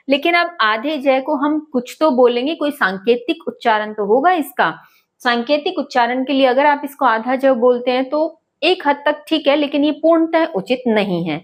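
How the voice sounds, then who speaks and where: A woman teaches a Sanskrit lesson to schoolchildren. Her voice sits fairly high. She poses a question, answers it herself, and slows down to stress each syllable. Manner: slow, careful stress on syllables. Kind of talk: explaining a lesson to children.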